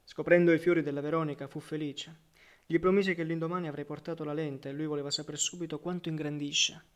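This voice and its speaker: A man reading a literary novel aloud as audiobook narrator, measured and reflective, letting phrase endings fall softly. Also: a little high, steady tone.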